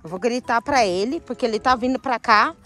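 Woman bossing a prank setup, chatty and quick, bit of a high voice, light music playing. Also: fairly bright tone. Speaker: prank accomplice in a vlog. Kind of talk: casual vlog chat.

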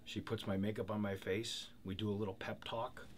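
A man playing a radio personality, talking earnestly and deadpan in a mockumentary interview. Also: on the low side, fairly quick, natural voice.

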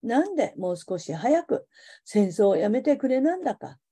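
A woman voicing a grieving middle-aged father in Hiroshima dialect, gruff and protective. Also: a little high, very animated, moderate pace, dark tone. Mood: grim.

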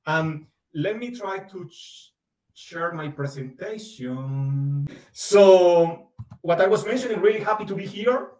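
Professor type from Colombia, Caribbean accent, hesitant academic delivery, room echo from a distant mic. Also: male voice, high voice, expressive, takes it slowly, a little mellow. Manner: hesitant, repeats "actually" often. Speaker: guest speaker, professor. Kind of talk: academic presentation. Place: home office, indoors. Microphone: video call. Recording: roomy video call audio from the mic.

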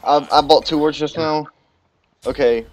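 A young man calling plays in team voice chat during a match, excited, stumbling and repeating his words. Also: a little high, a little slow.

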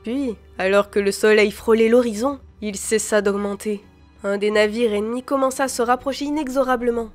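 A woman reading a fantasy novel aloud as an expressive storybook narrator. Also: on the high side, fairly quick. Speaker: audiobook reader. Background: soft background music.

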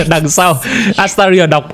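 A man's voice: fairly high pitch, slow pace. A man with a Vietnamese accent, a gaming streamer giving casual playthrough commentary.

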